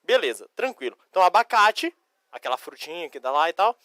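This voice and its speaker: A man from Curitiba in Brazil teaching Spanish vocabulary in a recorded lesson, explaining each word slowly, spelling out letters and answering imagined student questions. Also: sits high, very animated, sharp tone, dry recording, studio quality. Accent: Curitiba Brazilian Portuguese. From Curitiba, Paraná, Brazil.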